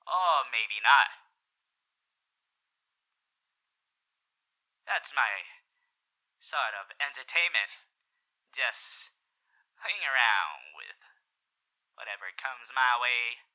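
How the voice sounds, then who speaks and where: A man's voice: medium pitch, expressive, slow pace, pauses often, sharp tone, exaggerated voice. A man playing a suave, smug radio demon in a roleplay audio, speaking straight to the listener with theatrical, old-fashioned phrasing and teasing endearments. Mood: suave, playful. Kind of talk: roleplay ASMR character audio addressed to the listener.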